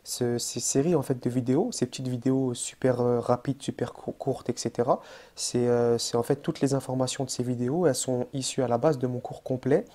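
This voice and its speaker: Man, online Arabic teacher, warm low-key tone, relaxed chatty delivery, lots of filler words. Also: brisk. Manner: addresses the viewer informally as "tu". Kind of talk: casual online language lesson.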